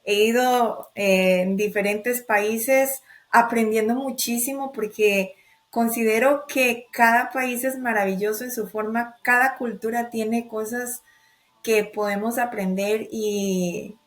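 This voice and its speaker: Expressive woman guest from Ecuador. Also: on the high side, takes it slowly. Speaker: guest, life and business strategist. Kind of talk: podcast interview.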